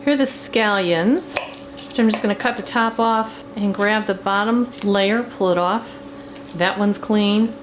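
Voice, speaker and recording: Speaking a little slowly in a natural, medium-pitched voice, this middle-aged woman hosts a cooking show as a campy, glamorous housewife with theatrical drag-queen flair. The chatty demonstration takes place in a home kitchen, captured clearly with kitchen noise behind her.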